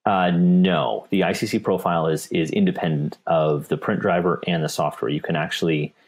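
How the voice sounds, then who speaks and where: Male tech specialist for a webinar Q&A, very low and husky, relaxed and full of restarts. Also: moderate pace. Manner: relaxed, with frequent repeats and restarts. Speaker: paper company technical specialist. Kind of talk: webinar Q&A, answering viewer questions.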